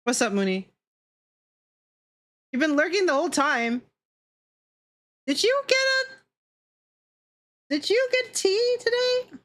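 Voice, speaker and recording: A very high-pitched, expressive, fairly bright voice comes slowly, broken by long pauses. This VTuber draws on stream and chats with viewers in a playful, teasing, giggly way, swearing freely.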